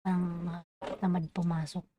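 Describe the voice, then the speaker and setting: A woman's voice: on the low side, little pitch movement, measured pace, dark tone, a little hiss or hum. A sleepy woman from the Philippines, chatting casually on her livestream late at night and signing off. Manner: tired, drowsy, sign-off chatter. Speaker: livestream vlogger. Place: UAE.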